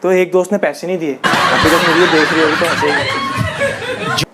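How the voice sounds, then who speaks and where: A man's voice: on the high side, huge pitch swings, normal speed, a loud crowd, heavy background noise. A young man doing casual stand-up storytelling as a comedian, chatty and laughing through his own lines. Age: young adult.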